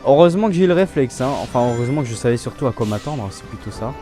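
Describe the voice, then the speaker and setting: A man's voice: medium pitch, rapid-fire, soft background music. Chatty man commenting on his gameplay. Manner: chatty, relaxed, often restarts his sentences. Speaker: let's play host.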